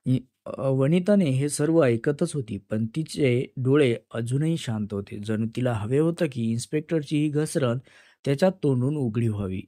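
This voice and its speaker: A man narrating a dramatic story in a steady storytelling manner. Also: medium pitch, moderate pace, dry recording, clean studio sound.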